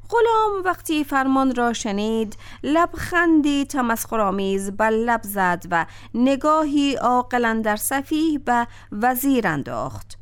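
A woman narrating a classic tale in an expressive storytelling voice. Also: a little high, smooth.

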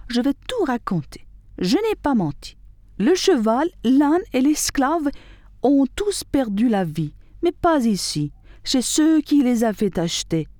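A woman's voice: high voice, big pitch swings, unhurried, mellow, dry recording, studio quality. A woman voicing a boastful male rooster in a storybook tale, speaking in an insistent, indignant way. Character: proud boastful male rooster who foretells deaths.

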